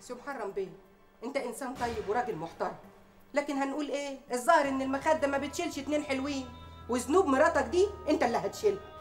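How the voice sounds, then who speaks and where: An actress playing a bold, sharp-tongued working-class maid who speaks Egyptian Arabic, full of proverbs and mockery. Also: female voice, sits high, rapid-fire, faint music behind, natural voice. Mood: preachy, defiant. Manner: proverb-heavy, mocking, loud when riled. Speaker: maid confronting a rich wife.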